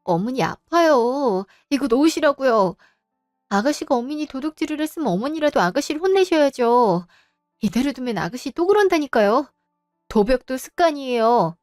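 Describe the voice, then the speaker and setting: A woman's voice: sits high, sing-song, darkish tone, no echo, clean studio sound, faint music behind. Woman playing a firm, wronged daughter-in-law. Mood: indignant. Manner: polite but firm, measured.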